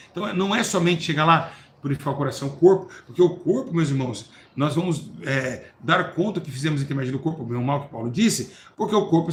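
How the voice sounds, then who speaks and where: A man delivers a fervent sermon in a fairly high voice, punching some phrases loudly and dropping others to a low murmur. He keeps questioning the people in front of him. The room rings with echo, with a faint hum of ambience behind. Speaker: preacher.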